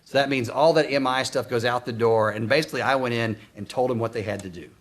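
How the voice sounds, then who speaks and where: A man's voice: mid-range voice, fast talker. A middle-aged man with an Arkansas accent leads a conference workshop, talking conversationally and putting questions to his audience. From Arkansas, United States. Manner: conversational, asks and echoes back answers. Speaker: instructor presenting at a conference. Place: conference room, behind faint room noise. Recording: roomy, distant mic, faint noise.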